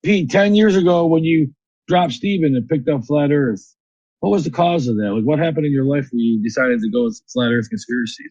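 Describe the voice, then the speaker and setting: A man's voice: on the high side, a little mellow, no room sound, lo-fi sound. A man arguing insistently in a voice chat, full of fillers like "like". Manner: fast, insistent, filler-heavy. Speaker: voice chat debater. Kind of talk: heated voice chat argument.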